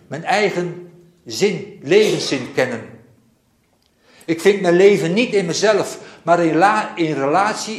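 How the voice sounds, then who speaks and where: A man delivering a sermon at a very slow, deliberate pace, his voice sitting a little higher than most men's. He dwells on repeated phrases in a measured, reflective way. The sound rings with the echo of a church hall. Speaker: preacher.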